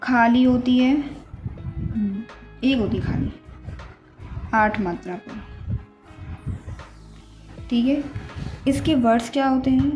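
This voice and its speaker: A woman's voice: sits high, slow, pauses often, a little mellow. A woman teaching a music lesson, patiently counting beats and reciting rhythm syllables one by one.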